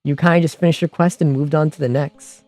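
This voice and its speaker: Rambling man streamer, fairly high voice. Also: steady tone, fast, a little mellow, soft background music. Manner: rambling, lots of "like" and restarts; grows heated and exasperated. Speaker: livestream host. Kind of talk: casual chat with stream viewers.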